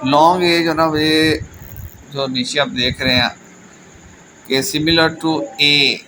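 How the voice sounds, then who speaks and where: A man's voice: on the high side, slow pace, rough recording. A man teaching a vocabulary lesson, repeating each word and often checking in with his students. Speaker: German language teacher. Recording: steady background noise.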